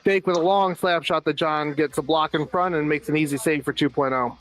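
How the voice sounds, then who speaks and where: An American man calls an amateur floor hockey game play by play, rattling off passes and shots with the odd dry joke. His voice sits a little high for a man. Faint music plays underneath. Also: steady tone, fairly bright tone. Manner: rapid running call of plays with dry asides. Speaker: play-by-play commentator. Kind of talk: amateur live sports commentary.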